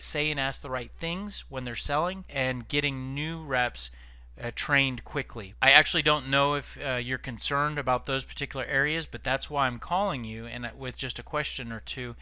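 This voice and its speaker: A man acting out a businesslike salesman leaving a voicemail for a prospect. The voice is bright and forward, with a dry, close sound. The delivery is a polite, scripted phone pitch. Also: clean tone, dry recording.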